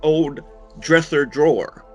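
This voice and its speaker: A middle-aged man in a casual interview, talking in an unhurried, folksy way with dry humour, as a horror host. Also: fairly high pitch, faint music behind. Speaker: horror host and monster museum owner being interviewed.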